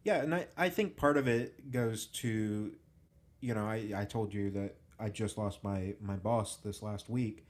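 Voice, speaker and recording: A man's voice: fairly low pitch, a little slow. A man hosting a podcast, talking thoughtfully and casually with plenty of fillers. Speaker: podcast host.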